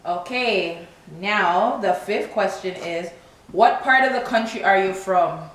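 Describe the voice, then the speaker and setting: A fairly bright, mid-range voice speaks slowly here: a young Toronto vlogger chatting animatedly to camera as she answers tag questions. Her Canadian accent slides into Jamaican Patois now and then. Expect a very echoey room and background hiss.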